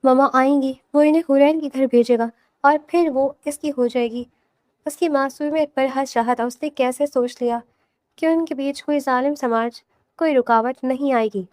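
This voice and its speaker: A woman narrator reading a romantic novel aloud in a soft, steady storytelling voice. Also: sits high, no room sound. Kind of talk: scripted audiobook narration.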